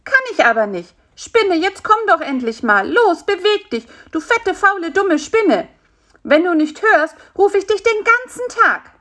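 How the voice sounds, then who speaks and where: A squeaky, nagging little male fly from a storybook, done by a woman reading aloud. He chatters in a voice pushed far up and swoops all over the place, pleading and self-important in turn. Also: sing-song, normal speed, fairly bright tone.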